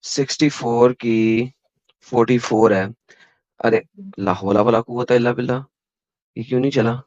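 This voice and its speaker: A man's voice: medium pitch, fairly even intonation, a little mellow, dry recording. Indian male debate host, pushy and relentless, dull dry call audio. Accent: Indian Hindi. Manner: insistent, rapid-fire, quotes verses and references. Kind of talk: heated online debate.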